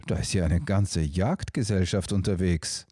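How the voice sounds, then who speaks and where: A man's voice: sits low, unhurried, slightly rough, no echo, studio quality. A man voicing a cheerful, cheeky male dove in a storybook reading, with a chirpy manner. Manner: bright chirpy, bossy when annoyed.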